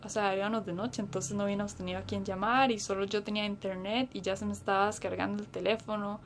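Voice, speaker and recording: A woman's voice: mid-range voice, little pitch movement, fast, slight background noise. A woman casually recounting an experience, hesitating often and acting out the dialogue as she quotes it. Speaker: interviewee. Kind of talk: casual recollection.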